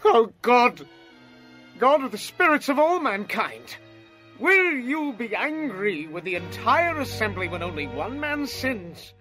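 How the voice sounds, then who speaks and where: A stern, commanding prophet. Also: male voice, on the high side, lively intonation, moderate pace. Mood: pleading. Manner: forceful, pleading at times. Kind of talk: dramatized scripture reading. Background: faint music.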